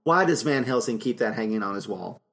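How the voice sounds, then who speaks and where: A man's voice: lowish voice, animated, brisk, creaky, fairly bright tone. A man co-hosts a casual film podcast. He recaps scenes in a loose, rambling way, full of fillers and small laughs. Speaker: podcast co-host.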